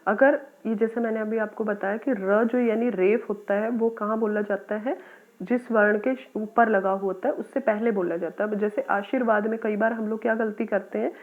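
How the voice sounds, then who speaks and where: A woman teaching a children's grammar lesson, explaining patiently step by step and calling her pupils "beta". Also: fairly high pitch. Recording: tinny phone-like audio.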